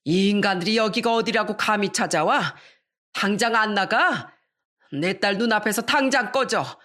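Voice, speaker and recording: Woman reader as angry protective mother, shouting, higher and louder than the narration. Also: moderate pace, lightly acted. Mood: furious. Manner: shouting, furious. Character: angry protective older mother, tearful and fierce.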